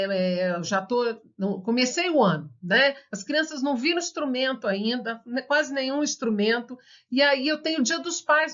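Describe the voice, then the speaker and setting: A woman's voice: high voice, a bit bright. A woman with a Brazilian Portuguese accent, giving an online music lesson for teachers, explaining step by step and singing children's songs as she claps. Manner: explains slowly, sings children's songs while clapping. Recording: dull lo-fi recording.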